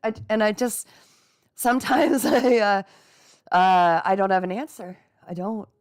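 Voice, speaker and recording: A woman's voice: mid-range voice, measured pace, dry recording, studio quality. A middle-aged woman hosting a casual live stream from home, reading viewer comments aloud and cheering viewers on in a chatty way. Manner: chatty and encouraging, frequent laughs, talks straight to viewers as "guys". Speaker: livestream host and psychic reader. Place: at home with her dogs.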